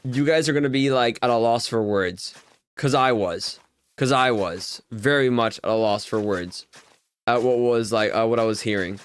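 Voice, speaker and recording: Streaming a Minecraft game, a young man casually retells a long story, rambling with fillers and laughing in exasperation. He speaks at a normal speed in a mid-range voice that is clear and resonant.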